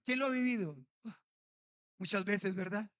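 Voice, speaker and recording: A man's voice: high-pitched, a little slow, fairly bright tone, clear, resonant tone, dry recording. A man preaching a sermon as a pastor, acting out pleading prayers and asking the congregation rhetorical questions.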